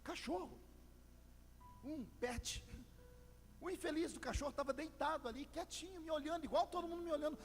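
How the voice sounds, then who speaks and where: A Brazilian pastor preaching a Pentecostal sermon, telling a story and building into shouted crescendos, in a large church hall. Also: male voice, very high voice, fairly even intonation, fairly quick. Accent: Brazilian Portuguese. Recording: long hall reverb with faint music.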